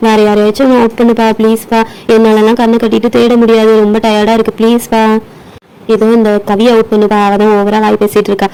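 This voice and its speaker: A woman's voice: on the high side, level tone, fast, warm tone, clear, resonant tone, lightly acted, rough recording. A woman voicing a tired young woman doll who pleads to be let off, in a doll play story. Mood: pleading.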